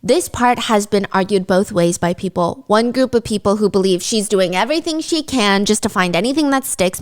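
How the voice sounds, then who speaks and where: Chatty woman telling a true-crime story. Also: medium pitch. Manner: lively, acts out quotes in character. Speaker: podcast host.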